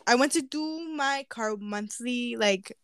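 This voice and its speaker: A woman's voice: a little high, slow, slight background noise. A young woman hosting a podcast, telling embarrassing stories in casual chat with giggles. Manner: animated, giggly storytelling. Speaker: podcast host.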